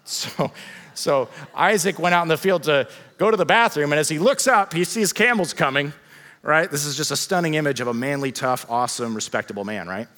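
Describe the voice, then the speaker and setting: Male pastor, bright tone, ringing hall reverb, chatty joking sermon delivery. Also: fairly high pitch, animated, brisk. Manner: humorous, conversational preaching with rhetorical questions; father of children. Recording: long reverb of a large hall.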